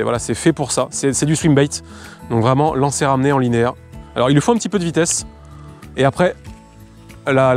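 A young man explains fishing lures outdoors in a quick, easygoing stream of talk. His pitch sits in a middle range, with plenty of fillers and restarts. Faint music plays beneath his voice. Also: a little mellow. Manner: fast, loose explanations with many fillers. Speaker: fishing lure presenter. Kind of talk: casual product demo. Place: outdoors by the water.

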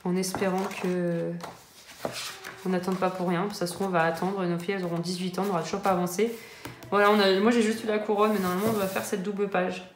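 A woman in her thirties chats about her coloring books at home. She talks casually, with frequent fillers and restarts, at a middling pitch. The room echoes around her, with a faint hiss underneath. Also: level tone, fast talker. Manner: chatty, hesitant, many fillers and restarts. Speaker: coloring-book vlogger. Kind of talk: casual chat showing her book collection.

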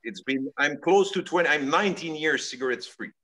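A middle-aged man from Belgium, a guest telling stories in a relaxed way over a video call from his home study. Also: a little high, fairly quick, rough recording. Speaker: guest, cigar company executive.

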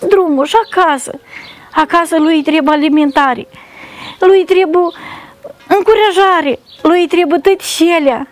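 A woman giving an emotional testimony as a mother seeking help, repeating herself in a pleading way. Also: extremely high pitch. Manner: repetitive, pleading.

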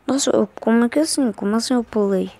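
A woman's voice: fairly high pitch, fast, warm tone, dry recording. Scared Brazilian woman playing a horror game. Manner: scared, anxious, repeating short phrases. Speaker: gaming streamer. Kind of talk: casual horror game play commentary.

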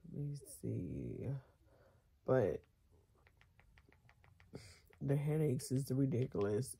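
An American woman in her thirties, a vlogger, chats casually to camera from her bed, worn out and halting as she recovers from nose surgery and a headache. Her voice is very deep and mellow, but congested and nasal. It's recorded indoors in her bedroom on a nearby camera or phone, with clear background noise.

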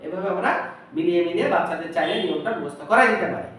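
A man's voice: sits high, rapid-fire, fairly bright tone, recorded from a distance. Man teaching Quran pronunciation in an echoey room. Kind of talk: step-by-step pronunciation lesson.

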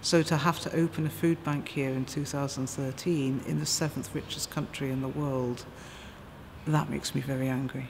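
A woman's voice: very deep voice, steady tone, moderate pace, creaky, darkish tone. A middle-aged woman, a food bank project manager, speaking earnestly and forthrightly in an interview inside a church. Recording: reverberant church with faint noise.

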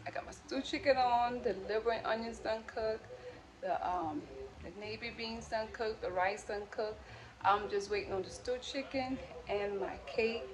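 This middle-aged lifestyle vlogger has a fairly high voice and speaks over a noisy background in her home kitchen. Folksy and casual, she gives her viewers a motivational chat, calling them friends and y'all.

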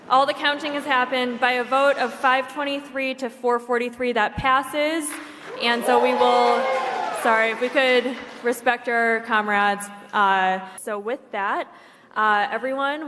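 Brisk woman chairing a convention, a bit high-voiced, recorded at a podium mic in a big reverberant hall. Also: fairly bright tone. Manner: brisk, directive, quick to answer. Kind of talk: chairing a large meeting. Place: large hotel convention hall. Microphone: podium microphone. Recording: echoey large hall.

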